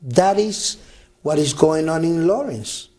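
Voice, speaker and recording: A man who works as a reverend and organizer speaks earnestly in a studio talk show interview, repeating words as he goes. His voice is on the high side, expressive and dark in tone, and he speaks at a slow pace.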